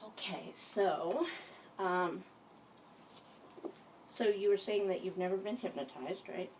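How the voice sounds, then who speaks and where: A woman leading an informal guided hypnosis session, giving gentle instructions in a halting way. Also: mid-range voice. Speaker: hypnosis practitioner. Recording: distant mic, faint background noise.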